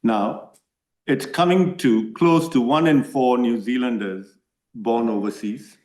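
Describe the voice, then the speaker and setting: A man's voice: mid-range voice, takes it slowly, a little mellow. Earnest man, echoey room. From Malaysia. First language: Tamil. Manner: earnest, repeatedly asks "right?". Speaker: submitter to a parliamentary committee. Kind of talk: answering committee questions.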